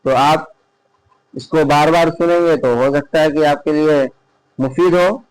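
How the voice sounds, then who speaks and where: Male teacher, slightly high clear voice, dry close sound, unhurried, drills letters and quizzes himself. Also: no echo, rough recording. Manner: patient, drills letter names slowly, asks and answers himself. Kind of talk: online lesson reading letter names. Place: indoor online class recording.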